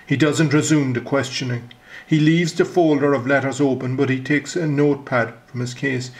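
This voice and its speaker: A man reading his own short story aloud in the first person, measured and low, dropping almost to a whisper on the detective's lines. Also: rough recording.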